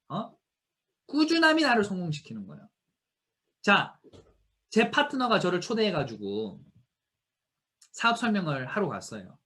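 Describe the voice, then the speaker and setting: A man with a non-native accent giving a motivational seminar talk, telling stories and acting out what people said. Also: high voice. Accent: non-native Korean. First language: not Korean. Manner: lively storytelling, acting out quotes, frequent laughs and "맞죠?". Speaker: motivational speaker.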